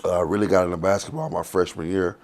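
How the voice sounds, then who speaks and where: A man's voice: low voice, steady tone, fast, a little mellow. A man, telling his life story in a loose, rambling, profane way in an interview. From Texas. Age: 40s. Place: outdoors on the street.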